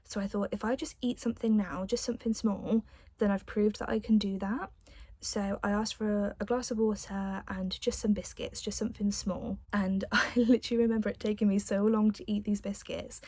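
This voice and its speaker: A woman's voice: medium pitch, fairly even intonation, brisk, darkish tone, dry recording. A young adult woman telling a personal story in a casual, chatty vlog style, with the odd light giggle. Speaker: vlogger.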